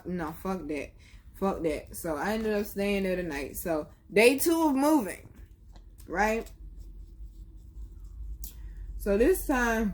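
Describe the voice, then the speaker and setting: A young woman telling a blunt, profane story in a casual vlog. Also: mid-range voice. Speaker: vlogger.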